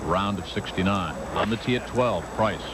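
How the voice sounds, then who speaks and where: A man with a fairly low voice anchors a live golf broadcast. He gives sports commentary while loud outdoor ambience runs behind him. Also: moderate pace, background noise.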